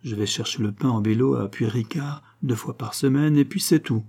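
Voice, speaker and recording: A man's voice: mid-range voice, moderate pace, darkish tone, lightly acted. A man voicing a frank, plain-spoken young country woman. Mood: guarded.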